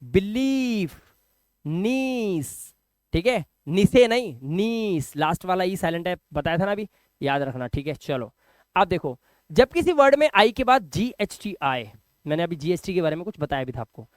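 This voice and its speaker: Man, English teacher, high voice, smooth and clear, dry close sound, emphatic, quizzes the listener. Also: very animated, fairly quick, dry recording. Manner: emphatic, repeats each word and quizzes the viewer. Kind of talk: spoken classroom lesson.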